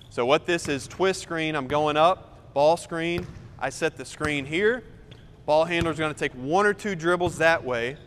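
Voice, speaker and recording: A man's voice: on the high side, fairly bright tone. A young man explains basketball moves in a loose, conversational way as he demonstrates them. His voice rings out with a long reverb in a large indoor gym. A faint noise sits underneath. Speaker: basketball coach. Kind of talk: casual on-court demonstration.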